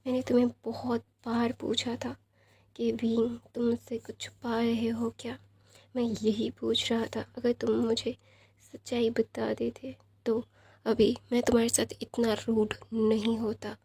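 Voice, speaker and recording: A woman's voice: fairly high pitch, monotone, a little slow, dark tone, slight background noise. A woman reading as a possessive young lover. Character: possessive lovestruck young man, tender and stern.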